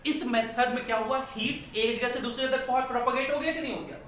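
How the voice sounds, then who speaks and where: A man's voice: extremely high pitch, steady tone, quick pace, a bit bright. A male physics teacher lecturing a class, asking questions and repeating key terms. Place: large echoey classroom. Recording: echoey classroom from far off, faint noise.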